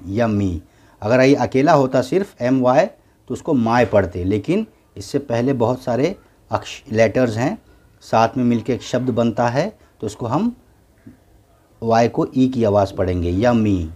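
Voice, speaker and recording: A man with a mellow, medium-pitched voice teaches a beginners' English lesson, patiently spelling words out letter by letter and saying each word twice.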